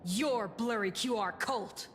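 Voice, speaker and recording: A woman voicing a calm, sharp-witted female detective figure in a game cutscene. She speaks in a measured, deductive way. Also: on the high side, big-room sound, a little hiss or hum.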